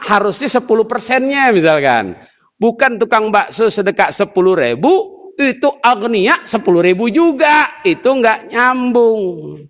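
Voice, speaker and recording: A man giving a sermon, lively and teasing as he jokes with the audience. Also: high voice, in a large hall, highs cut off. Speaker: preacher.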